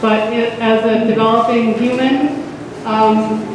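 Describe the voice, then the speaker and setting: A woman's voice: a little high, little pitch movement, takes it slowly, background noise. A woman from Hawaii speaking as a panelist in a community discussion, in a casual, personal way. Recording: distant in an echoey hall.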